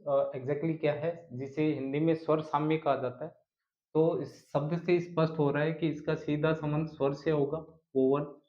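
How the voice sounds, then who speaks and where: A male teacher giving an exam prep lecture, who keeps asking questions and answering them himself and mixes English terms into his explanations. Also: a little high. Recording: echoey room, dull lo-fi sound.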